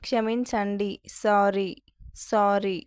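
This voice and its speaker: Woman English tutor with a Telugu accent, smooth clear voice, repeats each phrase twice in a drill. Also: medium pitch, level tone, very slow, darkish tone, dry recording. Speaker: spoken English teacher.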